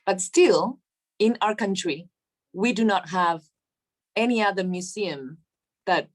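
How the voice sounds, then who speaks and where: A woman from Chile, a museum foundation director, presenting at an online seminar in a friendly, informal way, with halting fillers and easy laughs, heard over a video call. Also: medium pitch.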